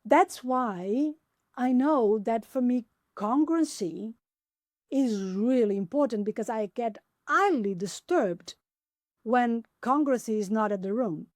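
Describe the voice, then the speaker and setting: Lively woman in her forties, pitch jumping. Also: slow pace, no echo, studio quality. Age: 40s. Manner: enthusiastic, pitch jumps up when excited; animated, acts out her own inner questions. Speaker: podcast guest, applied philosopher. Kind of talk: conversational interview.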